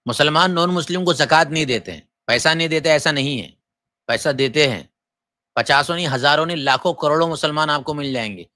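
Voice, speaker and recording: A man, a mufti from Gujarat, giving a forceful lecture on religious rules and firing off rhetorical questions. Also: on the high side. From Gujarat, India. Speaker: mufti teaching Islamic law.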